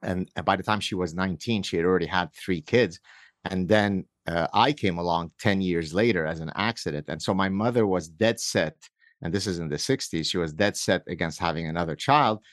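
Middle-aged male guest from Lebanon, low voice, wry storyteller, dry close mic. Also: a little fast, dry recording. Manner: earnest, wry storyteller with frequent restarts. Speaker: author and guest. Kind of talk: conversational storytelling.

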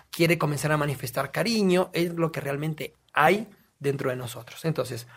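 A man's voice: on the high side, fairly bright tone. A man, a guest in a casual podcast, explaining emphatically and asking himself questions he then answers.

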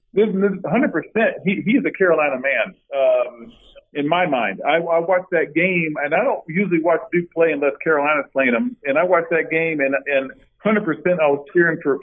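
A middle-aged man, a former college basketball player, telling stories as a guest over the phone with many restarts. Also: a little high. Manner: storytelling, many restarts, animated when quoting. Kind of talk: casual interview over the phone. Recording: tinny phone line.

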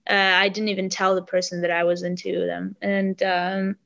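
A young Armenian woman, a singer and native Armenian speaker, discusses her songwriting in a casual interview, hesitating and restarting sentences as she hunts for words. Her medium-pitched voice is creaky and fairly bright, with little pitch movement and a moderate pace, on dull audio.

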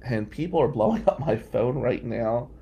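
A man's voice: mid-range voice, lively intonation, moderate pace, vocal fry, mellow, slightly rough, lo-fi sound. A middle-aged man from New Jersey hosting a live stream, telling a rambling story with many tangents. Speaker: host.

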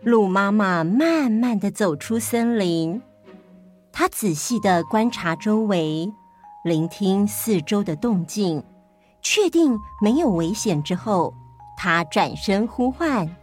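A woman stand-in host telling a children's story in a gentle, even way. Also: medium pitch, takes it slowly, soft background music.

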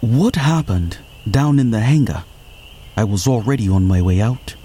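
A man's voice: on the low side, animated, normal speed, warm tone, slightly rough. A man playing a fussy, formal night escapee. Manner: formal, precise. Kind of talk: audio drama acting.

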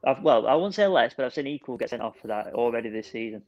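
A man's voice: mid-range voice, expressive, fast, no echo. Male podcast co-host on a video call, muffled dry line, opinionated casual football talk. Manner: opinionated, reasons point by point, keeps saying "for me". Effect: heard over a video call. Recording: dull, dry lo-fi call audio.

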